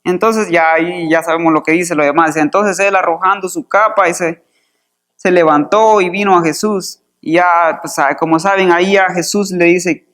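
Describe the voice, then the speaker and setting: A man's voice: high voice, steady tone, fairly bright tone. Conversational male preacher. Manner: conversational, fills pauses with "este" and repeats "dice" while reading. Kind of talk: sermon, reading and explaining scripture. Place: church.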